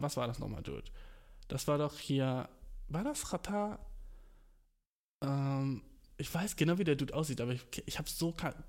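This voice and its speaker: A young man in casual chat, talking in a loose, slangy way and swearing freely as he rants. He drops English words into his German and mocks what he reads out with animated disbelief. His voice sits at an ordinary middle pitch for a man. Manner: ranting, animated, mocking.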